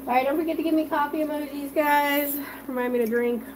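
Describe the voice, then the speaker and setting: A home cooking livestream host, an adult with children, fries food in her kitchen while chatting with viewers and reading their comments. Her high voice keeps a steady tone at a fast pace. Background noise is present.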